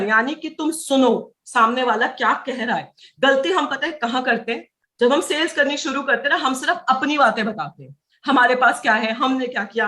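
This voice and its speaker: High, bright-voiced woman teaching sales. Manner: emphatic, repeats key phrases, mixes English terms. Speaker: sales trainer. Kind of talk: motivational sales lesson.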